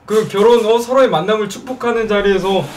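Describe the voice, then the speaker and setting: A man's voice: high voice, a little slow, darkish tone. A young man giving casual reaction commentary, giggly as he tries not to laugh. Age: young adult. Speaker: video blogger. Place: small home room, indoors. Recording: distant mic, music behind.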